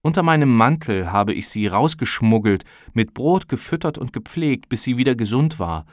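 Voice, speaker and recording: A man's voice: medium pitch, expressive, normal speed, no echo, studio quality, natural voice. A man reading an audiobook voices a shy, stammering Russian man who sounds embarrassed.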